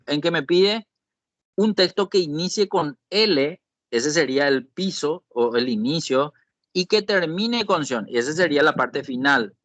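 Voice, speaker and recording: A man's voice: fairly high pitch, fairly bright tone, dry recording. Patient man teaching on a video call. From Paraguay. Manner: patient, explanatory, checks in with "¿sí?". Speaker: Excel instructor. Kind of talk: online class walkthrough.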